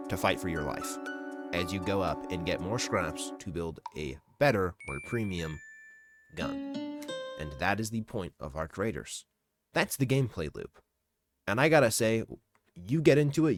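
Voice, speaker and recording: Lively low-voiced man reviewing a game. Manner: casual, enthusiastic, with mild swearing. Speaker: gaming commentator. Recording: voice-over with clear background music.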